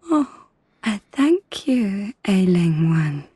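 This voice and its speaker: A woman voicing a meek, solemn and eerie talking doll in a video game, with a soft breathy voice and formal, measured speech. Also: mid-range voice, sing-song, no echo, studio quality, exaggerated voice. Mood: tearful wonder. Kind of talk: video game character dialogue.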